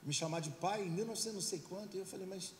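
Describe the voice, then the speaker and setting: A man's voice: sits high, racing. A middle-aged man preaching an emphatic sermon in church and leading the congregation to repeat after him. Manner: emphatic, leads call-and-response. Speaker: pastor. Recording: reverberant church hall, faint hiss.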